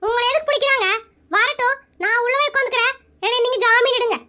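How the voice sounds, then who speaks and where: A performer voicing a bold, sharp-tongued village wife in an animated comedy cartoon, answering back with quick defiant comebacks. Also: extremely high pitch.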